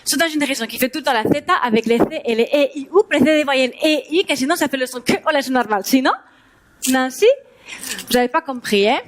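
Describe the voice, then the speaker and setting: On a theatre stage before a live audience, a young woman stand-up comedian performs a character act as a bubbly Spanish woman teaching a language class in French with a Spanish accent. Her voice sits high and moves fast, close to everyday speech, as she playfully teases the crowd.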